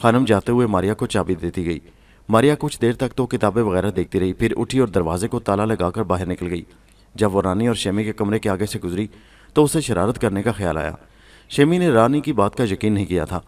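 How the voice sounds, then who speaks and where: A man's voice: lowish voice, darkish tone, far from the mic. A man narrating a story from a script and reading every part in his own voice.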